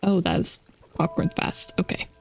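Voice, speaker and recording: A woman's voice: on the low side, sing-song, normal speed, creaky, a little mellow, soft background music. A woman streamer chatting casually to her viewers while playing a game. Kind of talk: casual gaming chat.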